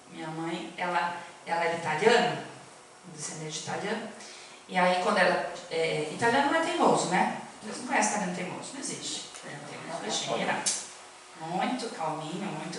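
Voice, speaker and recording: A woman's voice: medium pitch, far from the mic, a little hiss or hum. A woman giving an informal spiritist talk, chatty and often putting questions to her listeners. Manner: chatty, asks the audience questions. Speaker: spiritist lecturer. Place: spiritist centre hall. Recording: echoey hall, speaker off-mic.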